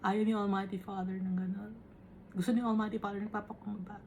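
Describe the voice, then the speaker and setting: A woman preaching, reading Bible verses slowly and explaining them in a chatty way, often asking "right?". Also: mid-range voice, level tone, darkish tone, lo-fi sound, slight background noise. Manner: Taglish, reads scripture slowly then explains conversationally with tag questions.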